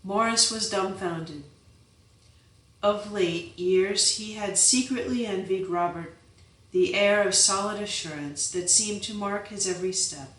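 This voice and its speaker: A woman narrating an audiobook in a measured, even reading voice. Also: medium pitch, distant mic. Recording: roomy, voice set back from the mic.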